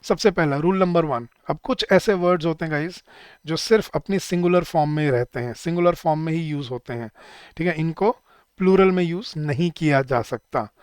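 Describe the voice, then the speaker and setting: A man's voice: on the high side, a little fast, clean tone, no echo, studio quality. A man teaching an exam-prep grammar lesson, listing word pairs and quizzing his students. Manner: lists word pairs, quizzes students, calls them guys. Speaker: English teacher.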